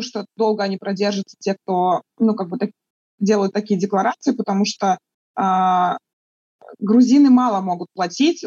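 A woman from Russia answers interview questions thoughtfully but haltingly, with lots of fillers and restarts. Her mid-range voice is dark-toned and husky. The sound is lo-fi, with no room sound.

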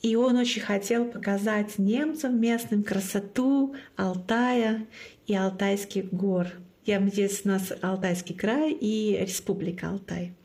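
Telling her personal story in an interview, this club founder, a woman from Northern Russia with Komi as her first language, speaks earnestly and repeats key phrases to stress them. She talks unhurriedly in a steady, darkish, medium-pitched voice.

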